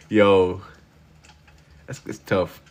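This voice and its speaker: A very deep-voiced man in his twenties hosts a livestream, drawing while he chats with viewers in easygoing slang. Whenever chat teases him, he gets loud and bursts out laughing.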